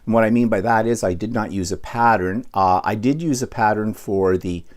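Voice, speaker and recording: On his quilting vlog, a middle-aged man from Canada shows off his work in a relaxed show-and-tell. His fairly low voice moves at a normal pace, wandering with many ums, restarts and the occasional throat-clearing.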